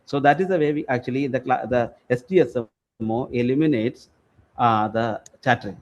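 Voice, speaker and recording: A man answering technical questions at an online conference, explaining in a halting, repetitive way. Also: medium pitch, darkish tone. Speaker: research presenter answering questions. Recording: dull online call audio.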